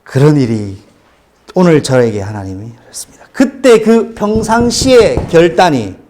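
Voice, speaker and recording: Male pastor, middle-aged, animated storyteller, very expressive pitch. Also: moderate pace, a little hiss or hum. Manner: animated storytelling testimony, acting out quoted cries. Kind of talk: sermon.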